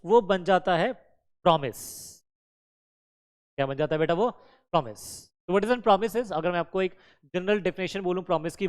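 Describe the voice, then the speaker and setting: A male law teacher giving a classroom lecture, quizzing his students with questions, answering them himself, and switching between Hindi and English terms. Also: high-pitched. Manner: addresses students fondly as kids.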